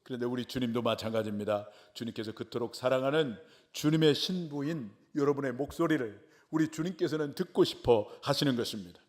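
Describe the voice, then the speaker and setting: A middle-aged man, a pastor, preaching a sermon. He swells loud on key phrases, drops quiet after them, and asks the congregation rhetorical questions. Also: mid-range voice, brisk, few pauses.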